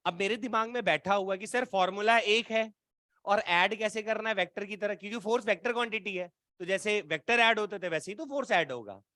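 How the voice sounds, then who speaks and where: A man's voice: sits high, brisk, bright, forceful tone, no echo, studio quality. A man teaching a physics class live from Bihar, chatting and teasing his students as he quizzes them through problems. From Bihar, India.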